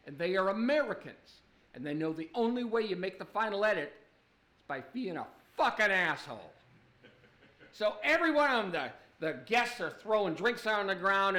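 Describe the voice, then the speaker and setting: A man's voice: sits high, pushed and bright, roomy sound. A man doing a profane, sardonic stand-up rant, recorded in a studio. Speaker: stand-up comedian.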